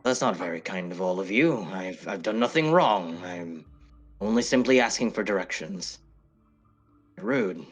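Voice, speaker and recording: A man's voice: low-pitched, animated, measured pace. A man voicing a self-righteous male adventurer who speaks with prim, wounded politeness. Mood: offended.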